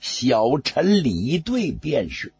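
A storyteller voicing a stubborn male officer who turns slow and deferential before his ruler, with a raspy voice. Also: mid-range voice, huge pitch swings, a little mellow, full character voice. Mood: humble. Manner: drawn-out, deferential pleading. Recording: dull lo-fi recording.

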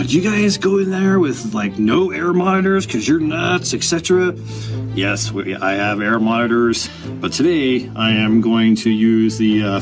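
Laid-back man vlogging outdoors. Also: mid-range voice. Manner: laid-back, chatty, many fillers. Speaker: vlogger exploring mines. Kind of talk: casual vlog narration. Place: outdoors hiking and inside mine tunnels.

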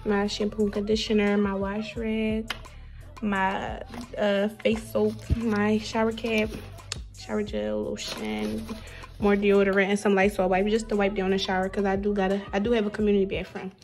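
A young woman's medium-pitched, darkish voice stays level at a normal speed over soft background music. The college freshman gives a casual tour of her small dorm room, chatting, listing items, and addressing viewers as "y'all."

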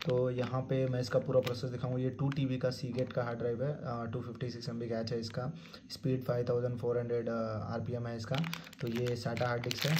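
Sitting indoors at a desktop PC, a man hosts a relaxed hands-on tutorial on fitting a hard drive. He speaks at medium pitch in a flat, repetitive, steady manner, using fillers, and the home recording is noisy.

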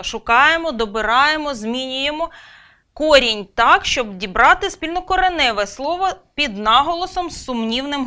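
A woman teaching a grammar lesson, speaking clearly and deliberately and stressing key words. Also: sits high, pushed and bright.

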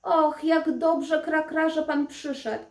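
A woman voicing a spoiled young princess turned into a crow, cawing in a high plaintive voice. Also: fairly even intonation, slow pace. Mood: worried. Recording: roomy echo.

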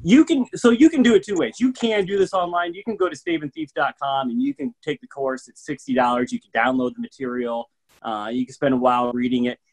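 On a home video call, a middle-aged Michigan man who teaches about bourbon talks casually and eagerly, rambling with plenty of filler words. His mid-range voice moves fairly quickly, and the recording quality is rough.

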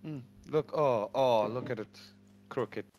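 A man's voice: mid-range voice, slow pace, loud music behind the voice. A man playing an online game, bantering with other players in a teasing, mock-tough way. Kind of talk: casual voice chat.

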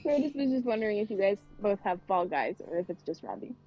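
A woman chatting quickly over voice chat through earbuds, her voice hollow and echoing as if she were in a cave. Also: mid-range voice, big pitch swings, warm tone, soft background music. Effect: hollow cave-like echo on voice chat. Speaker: friend on voice chat. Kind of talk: casual chat. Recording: dull lo-fi voice chat, cave-like echo.

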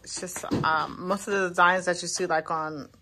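A relaxed woman in her thirties chats straight to her viewers, filmed on a phone held at arm's length inside a parked car. Her voice sits a little low, and a faint hiss runs under it. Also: moderate pace. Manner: chatty, relaxed, speaks to viewers as a friend. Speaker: vlogger. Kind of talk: casual vlog talk. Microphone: phone camera at arm's length.

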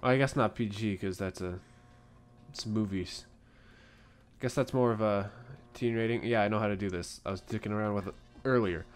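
A young man casually chatting while playing a video game, excitable and swearing, with sudden loud yells. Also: fairly low pitch, normal speed, pauses often. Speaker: let's play co-host. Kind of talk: casual gaming chat.

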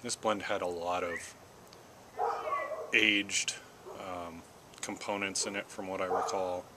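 Low-voiced American man, halting pipe-puffing ramble. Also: level tone. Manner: unhurried and halting, with puffs on a pipe between phrases. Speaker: vlogger. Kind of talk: casual rambling solo chat. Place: outdoors in a backyard garden. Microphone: camera at about arm's length or a little more. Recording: clear outdoor background noise.

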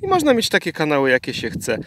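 A man's voice: on the high side, wildly swooping pitch, quick pace, fairly bright tone. A man with a Polish accent casually showing off his gear as a hobbyist presenter, recorded outdoors in an open field. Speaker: vintage radio enthusiast presenting his gear. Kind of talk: casual product showcase. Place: outdoors in a dry grassy field. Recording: clear noise from outdoors.

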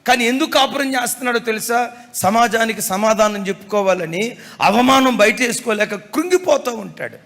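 A man's voice: extremely high pitch, lively intonation, moderate pace, a bit bright. A man, a pastor, preaching a sermon emphatically, repeating key phrases and mixing in folksy humor. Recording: echoey hall reverb.

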